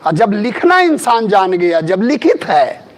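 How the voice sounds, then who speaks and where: A middle-aged male history teacher, lecturing in a classroom. His voice sits very high and swings widely in pitch. He drills key terms by repeating them and puts questions to his students. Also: sing-song, unhurried.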